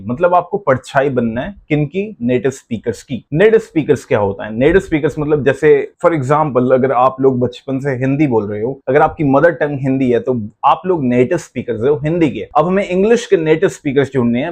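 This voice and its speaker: A man's voice: medium pitch, darkish tone. Man teaching English in Hindi. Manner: explains step by step in Hindi mixed with English. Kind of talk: spoken lesson.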